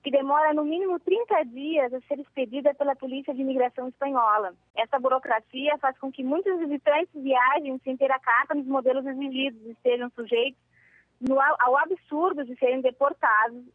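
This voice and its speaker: A woman's voice: sits high, brisk, dry recording. A woman from Brazil with a Brazilian accent, a viewer formally reading out a prepared question. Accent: Brazilian Portuguese. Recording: dry, phone-like line.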